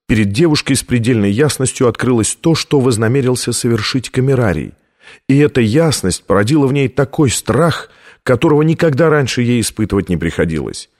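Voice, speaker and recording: A man's voice: medium pitch, lively intonation, fairly quick, darkish tone. A man narrating an audiobook in a tense, dramatic reading. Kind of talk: scripted narration.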